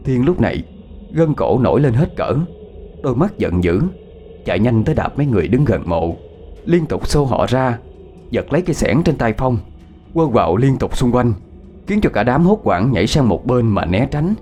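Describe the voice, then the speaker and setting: Sex: man. Role: storyteller. Style: ghost story narration, dramatic. Pitch: lively, animated. Behind: faint music. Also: normal speed. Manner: dramatic, expressive reading. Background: soft background music.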